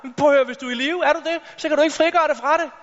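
A man with a strikingly high voice delivers an energetic motivational talk from a stage, speaking straight to the audience and firing rhetorical questions at them. His words ring out into a large hall with a long reverb tail. The recording itself sounds dull and lo-fi.

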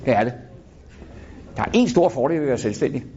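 A man's voice: medium pitch, lively intonation, warm tone. A middle-aged man giving a live motivational talk, blunt and swearing freely, constantly quizzing the crowd. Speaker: motivational speaker. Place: in front of a live audience. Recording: dull lo-fi recording.

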